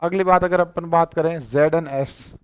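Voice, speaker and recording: A man's voice: a little high, fairly even intonation, moderate pace, smooth. A man with a Rajasthani Hindi accent teaching chemistry, repeating each name and quizzing his students on it. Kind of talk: chemistry class lecture.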